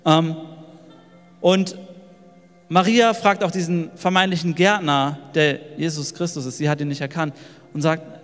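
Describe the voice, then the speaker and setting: High-voiced preacher in a reverberant hall. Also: male voice, steady tone, a little slow, long pauses. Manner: emphatic, repeats phrases, builds lists. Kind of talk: sermon. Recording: long hall reverb with soft music.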